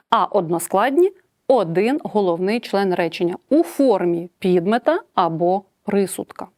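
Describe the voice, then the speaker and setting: A woman's voice: mid-range voice, darkish tone, dry recording, studio quality. A woman teacher with a Ukrainian accent explaining grammar in a recorded lesson, acting out example sentences with changing intonation. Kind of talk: recorded distance-learning lesson.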